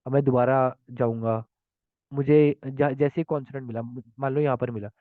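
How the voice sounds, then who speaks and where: A man's voice: medium pitch, fairly even intonation, moderate pace, no room sound. Guy explaining contest code, lots of um and restarts, sounds phone-like, dead dry. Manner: thinks aloud with frequent fillers and restarts. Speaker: programming tutor. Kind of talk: explaining contest solutions live.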